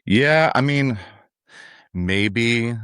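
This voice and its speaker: A young man co-hosting a podcast, telling a story in a relaxed, chatty way and acting out the other people's lines. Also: medium pitch, very slow, clean tone, dry recording, studio quality. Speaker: podcast co-host. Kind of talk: casual conversational storytelling.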